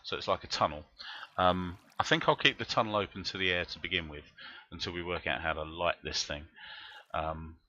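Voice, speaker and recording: Low-voiced man streaming a game. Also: brisk, sharp tone, lo-fi sound. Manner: rambling, thinking aloud while playing. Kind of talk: live gameplay commentary.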